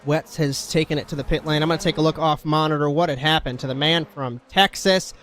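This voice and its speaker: A man calling a race as play-by-play commentator, excitable and shouting at the big moments. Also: a little high, fast.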